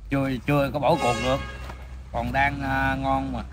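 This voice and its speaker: This mukbang host is a man in his thirties with a southern Vietnamese accent, eating spicy food that leaves his mouth burning while he talks casually to his viewers. He speaks at medium pitch in a level tone and at normal speed, seated on the ground in a green outdoor spot with music and other noise behind him.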